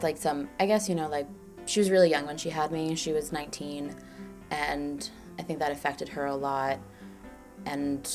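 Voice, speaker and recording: A Chilean woman in her twenties, the subject of a documentary, shares personal stories in a chatty, casual way, saying "like" often and acting out quotes. Her voice sits low and sounds gravelly, with music playing underneath.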